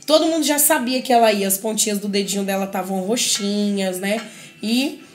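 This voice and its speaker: A woman's voice: mid-range voice, moderate pace. A woman giving an earnest, reflective personal testimony at a group meeting, often checking in with her listeners. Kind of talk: personal life-story testimony.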